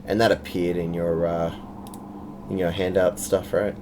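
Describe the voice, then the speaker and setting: A man with a low-pitched voice runs a tabletop game as game master. He narrates casually and explains things to players. There is clear noise in the recording. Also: level tone, unhurried.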